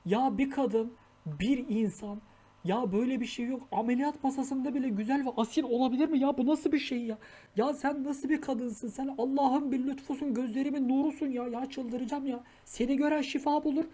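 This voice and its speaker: A woman's voice: high voice, normal speed, warm tone, slightly rough. A woman streamer in casual reaction commentary, exasperated, scolding the characters on screen, swearing and muttering prayers. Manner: swears and mutters prayers while she talks.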